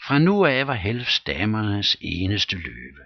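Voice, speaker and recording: Male audiobook narrator, deep and husky, steady measured reading. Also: no room sound. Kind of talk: scripted narration. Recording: dull lo-fi recording, dry.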